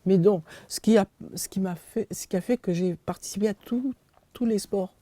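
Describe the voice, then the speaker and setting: Dark-voiced older woman reminiscing. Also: mid-range voice, moderate pace, dry recording. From Tunisia. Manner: reminiscing, agreeable, many fillers. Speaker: guest. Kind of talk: casual conversational interview.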